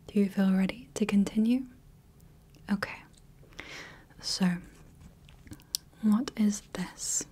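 A woman voicing a gentle female clinician in a whispered role-play, softly reassuring as she runs light tests. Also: medium pitch, steady tone, husky. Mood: soothing. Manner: soft, slow, reassuring, checks in often. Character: gentle female clinician testing the viewer's eyes. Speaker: ASMR creator playing a clinician running light tests.

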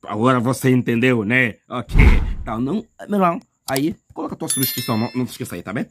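A man's voice: mid-range voice, fast talker, a bit bright, a little hiss or hum. A male math teacher talking viewers through an exam step by step, chatty and repetitive, calling the listener brother. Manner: chatty, addresses viewer as "meu irmão"; repetitive, thinks aloud with fillers. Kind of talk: math lesson walkthrough.

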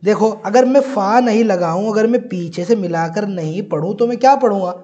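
Guy teaching grammar online, high voice but mellow, keeps saying look and repeating stuff. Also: fairly quick, dull audio. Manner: patient, repetitive explaining, often says "look", recites Arabic examples. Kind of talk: explanatory online lesson.

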